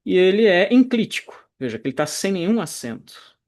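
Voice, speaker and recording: A man teaching Greek grammar in a recorded online lecture, explaining slowly and deliberately, pausing and correcting himself as he goes. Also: sits high, very animated, darkish tone. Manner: slow, deliberate explaining with pauses and self-corrections.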